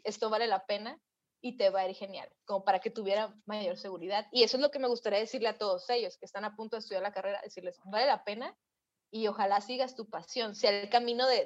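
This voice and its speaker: A woman psychologist answering interview questions, telling lively stories and acting out what people said. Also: mid-range voice. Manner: lively storyteller, acts out quotes. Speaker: psychologist guest. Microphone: video call. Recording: dull lo-fi call audio.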